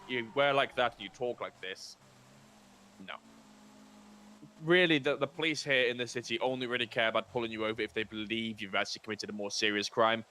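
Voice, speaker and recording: A man's voice: mid-range voice, sharp tone. A man, chatting politely in character during a roleplay game session. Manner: brisk, chatty, polite, calls people sir. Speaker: roleplay player as lawyer.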